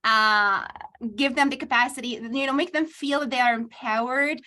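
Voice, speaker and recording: A Tunisian university professor earnestly explains how she runs AI training during a virtual panel, sounding as if she's on a video call. Her high voice has a sharp tone and moves at a normal speed, and her talk is spontaneous, full of fillers and restarts.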